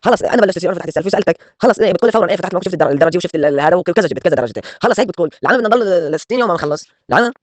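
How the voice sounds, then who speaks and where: A man's voice: sits high, animated, racing, hardly any pauses, no echo. A man, evasive and insistent, in a comedic skit.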